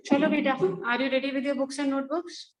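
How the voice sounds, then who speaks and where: Higher-pitched Indian woman teaching a class. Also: steady tone, quick pace, a little hiss or hum. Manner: instructing, repeats herself and checks with questions. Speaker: school English teacher.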